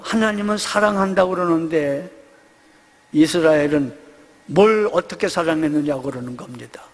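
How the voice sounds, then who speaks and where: A male pastor from Seoul preaching a Sunday sermon, animated and humorous, acting out the voices he quotes. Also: high voice, creaky, husky, long reverb tail. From Seoul, South Korea.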